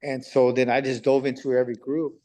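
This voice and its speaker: A man recounting his own story as a podcast guest, in loose, casual street talk. He acts out old conversations line by line and often repeats himself for weight. His pitch sits in an ordinary middle range. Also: little pitch movement, a little fast, warm tone. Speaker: podcast guest recently released on parole. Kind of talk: telling a personal story in conversation.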